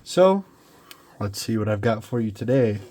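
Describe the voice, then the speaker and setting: Sounding stuffed up from a cold, a young man chats casually while unboxing at his home hobby workbench, where he builds scale models. He rambles in a relaxed way, full of ums and restarts, in a lowish voice at moderate pace.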